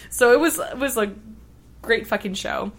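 A woman guest on a chat podcast, telling a story in an animated way with many fillers and frequent laughs. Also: on the high side, moderate pace. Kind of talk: casual chat.

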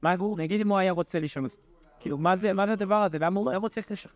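A young man, a student in a classroom, asking the teacher questions in a casual way, full of fillers. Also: high voice.

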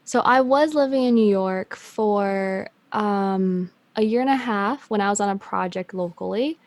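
A young woman, born in China and raised in Canada, speaks with a Canadian accent carrying a faint Chinese tinge. Her medium-pitched voice is unhurried and free of echo as she chats casually as a guest, laughing easily and filling her talk with ums and restarts.

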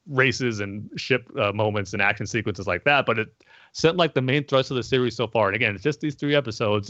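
A man on a casual podcast, giving a measured review with lots of hedging and fillers. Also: mid-range voice, a bit bright, dry recording. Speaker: podcast co-host. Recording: dull lo-fi dry sound.

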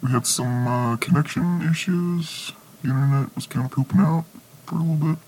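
A man's voice: a little high, moderate pace, darkish tone, a little hiss or hum, rough recording. A man co-hosting a podcast, rambling through crude improvised jokes with plenty of fillers. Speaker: podcast co-host. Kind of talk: casual comedic chat.

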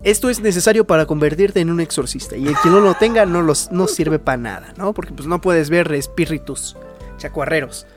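A man's voice: fairly high pitch, a little fast, over music. A young man with a Mexican Spanish accent, co-hosting a casual chat and rambling through a story in slang. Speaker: podcast co-host recapping anime.

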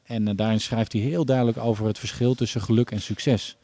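Guy on a podcast, low mellow voice, lots of ehs and restarts, easygoing chat. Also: fairly even intonation, fairly quick. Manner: thoughtful, many hesitations and restarts. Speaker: podcast guest. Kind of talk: casual podcast conversation.

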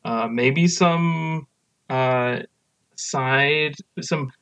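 A man's voice: medium pitch, extremely slow, fairly bright tone, clear, resonant tone, dull audio. A man co-hosting a casual podcast, joking dryly and chuckling often. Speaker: podcast co-host.

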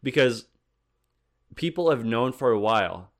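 A man's voice: mid-range voice, expressive, measured pace. A man co-hosting a casual gaming podcast, who stumbles over words and laughs easily. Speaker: podcast co-host.

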